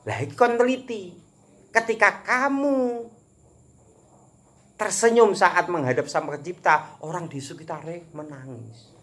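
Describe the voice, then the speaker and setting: A man with a Javanese accent giving a casual religious talk as a preacher, animated and joking, chuckling often. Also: high-pitched, measured pace, pauses often. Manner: animated, chuckles often, mixes teaching with jokes.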